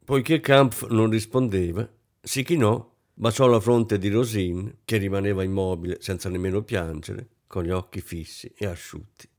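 A man reading a novel aloud in an expressive, dramatic way. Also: on the low side, normal speed. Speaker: audiobook reader. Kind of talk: expressive literary narration.

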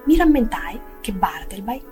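A woman narrating a literary audiobook in a measured, expressive way, some phrases dropping nearly to a whisper. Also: medium pitch, faint music behind.

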